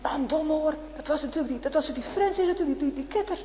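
A woman's voice: high-pitched, quick pace, darkish tone, echoey room, in a large hall, highs cut off, a little hiss or hum, pitched above the performer's own voice, lightly acted. A woman voicing a scornful male city gatekeeper who scolds the guards. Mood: scolding. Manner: scolding, indignant.

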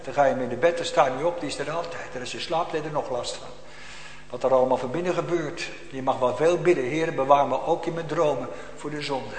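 A man preaching a sermon, swinging between loud emphatic calls and quiet, almost whispered asides. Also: mid-range voice, fast talker. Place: church. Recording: echoey church hall.

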